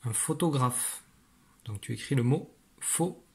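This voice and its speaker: Speaking a little slowly in a mid-range voice, a male primary school teacher runs a dictation lesson for children. He takes his time, spelling each word patiently syllable by syllable.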